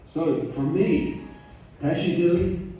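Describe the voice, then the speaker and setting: Slow, measured man, echoey and distant. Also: on the high side, mellow. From New Zealand. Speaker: well-wisher sending a video message. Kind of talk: recorded video greeting. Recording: echoey room, mic far off, faint noise.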